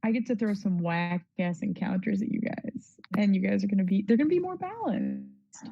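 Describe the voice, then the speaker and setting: A woman's voice: mid-range voice, animated, moderate pace, gravelly, breathy edge, muffled recording. A woman who runs the group's game, chatting casually in a teasing, laid-back way and swearing freely. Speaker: game master.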